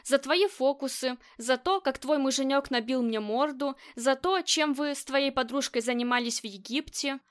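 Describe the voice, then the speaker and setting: A woman's voice: high voice, normal speed, few pauses, lightly acted. A woman voicing a cruel male crime boss who barks menacing orders in an audiobook.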